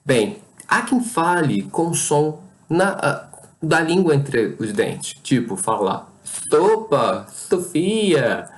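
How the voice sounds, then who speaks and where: An English teacher with a Brazilian Portuguese accent leads a pronunciation lesson in a medium-pitched, very animated, slow voice. She patiently repeats each word and over-articulates its sounds.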